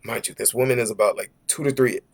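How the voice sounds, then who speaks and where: A young man with a New York accent tells a story straight to camera, his voice sitting at an ordinary pitch. He rambles and restarts often, leaning on "like" and "bro" as he goes. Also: fast, vocal fry, husky. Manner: rambling, heavy use of "like", "bro" and "right?"; animated, frequent restarts. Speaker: vlogger. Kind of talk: casual storytime monologue.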